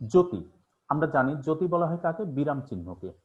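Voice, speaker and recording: Very animated and fairly quick, a man with a voice on the high side runs an online class. He keeps asking questions and then answering them, with lots of fillers, all through a tinny, phone-like connection.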